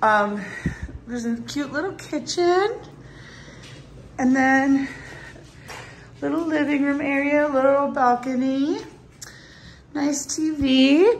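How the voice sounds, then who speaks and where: Woman vlogger, middle-aged, higher voice, chatty and upbeat, phone held at arm's length, faint background hiss. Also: takes it slowly, pauses often. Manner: chatty, upbeat, addressing viewers directly. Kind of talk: casual vlog tour. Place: apartment indoors, later a car.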